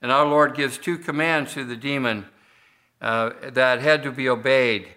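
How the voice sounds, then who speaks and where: An older man delivers a sermon from the pulpit in a bright, clear-toned voice. He speaks in a measured, unhurried way. He often stops mid-phrase and starts over before moving on. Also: medium pitch, steady tone. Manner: measured, unhurried delivery with frequent pauses and restarts. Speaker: pastor.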